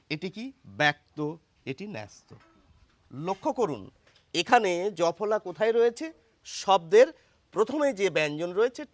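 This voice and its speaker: Male language teacher, high and animated voice, dry close sound, walks the viewer through the lesson with questions. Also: no room sound. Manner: explains step by step, asks questions to the viewer. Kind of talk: blackboard pronunciation lesson.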